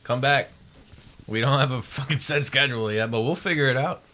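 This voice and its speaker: A man's voice: mid-range voice, a little fast, sharp tone. A man hosting a casual livestream chat, laughing often and swearing casually. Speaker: stream host.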